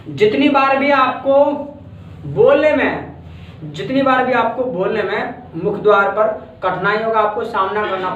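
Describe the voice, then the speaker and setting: A man from India with a fairly high voice teaches a classroom grammar lesson. He patiently repeats each word and sounds it out syllable by syllable. The voice is picked up from a distance in a very echoey room and sounds dull and lo-fi. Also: a bit bright, a little hiss or hum. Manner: patient, repeats words and breaks them into syllables. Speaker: English teacher. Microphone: far from the mic.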